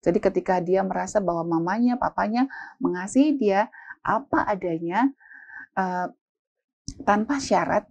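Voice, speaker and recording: A woman giving casual parenting advice, animated and acting out parents' voices. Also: medium pitch, normal speed, pauses often, lo-fi sound. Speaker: parenting expert guest.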